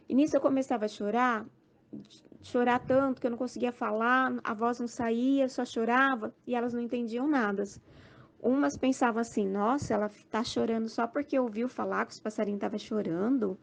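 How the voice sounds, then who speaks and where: Mulher brasileira de voz aguda e rouca, relato de sonho lento e repetitivo. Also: female voice, on the high side, vocal fry, a little mellow. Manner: slow, repetitive storytelling with many "assim" and "sabe" fillers. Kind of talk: recounting a dream testimony.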